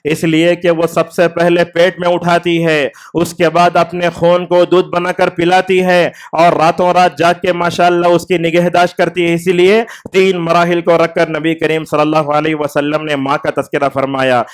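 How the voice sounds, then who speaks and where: A man's voice: fairly high pitch, completely flat delivery, moderate pace, hardly any pauses, clean tone. A man delivering a Friday sermon in a mosque, telling stories with a voice that rises and falls with the tale. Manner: storytelling preacher, voice rising and falling with the tale. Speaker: preacher.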